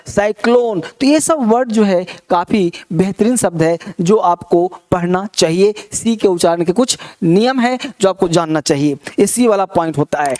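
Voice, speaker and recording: A man's voice: very high voice, darkish tone. A man teaching an online spoken-English lesson, reading word lists aloud and asking the class rhetorical questions to check they follow. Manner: encouraging, repeats key points.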